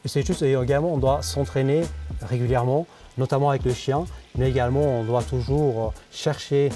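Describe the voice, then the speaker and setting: A man answers questions about his trade. His tone is dark and mellow, earnest and a little halting, full of small fillers, with faint music underneath. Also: mid-range voice, fairly even intonation. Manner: earnest, hesitant with many fillers. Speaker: disinfection professional guest. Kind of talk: interview answers.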